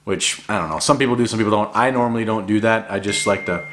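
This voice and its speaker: A man's voice: on the low side, quick pace, a bit bright, slight background noise. A man. He talks like a laid-back buddy walking you through a hobby, informal and encouraging, in loose conversational instruction. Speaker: hobby hunter giving a duck calling tutorial. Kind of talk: casual instructional talk.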